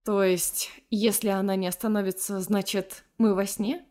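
A woman's voice: mid-range voice, level tone, normal speed, darkish tone, lightly acted. Woman voicing a teasing young office guy. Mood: playful. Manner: teasing, mischievous. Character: playful young male office coworker.

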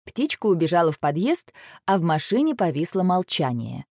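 A woman reads a children's storybook aloud, expressive and animated. Her pitch moves lively through each sentence, and the recording is dry and close to the mic. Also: normal speed, no room sound. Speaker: narrator.

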